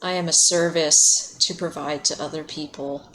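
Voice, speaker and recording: A woman's voice: low-pitched, fairly even intonation, moderate pace, fairly bright tone, a little hiss or hum. A woman streaming a video game, chatting casually, laughing often and answering her chat by name. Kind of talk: casual livestream chat while playing.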